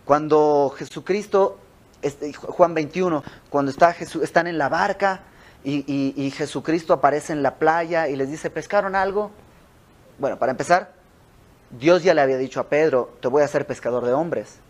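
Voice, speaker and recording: A man's voice: fairly high pitch, moderate pace. A young man with a Mexican accent leading an informal Bible study in a house, teaching in a conversational way and acting out the stories. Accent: Mexican Spanish. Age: young adult. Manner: conversational, animated storytelling with quoted dialogue. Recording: home recording with audio flaws.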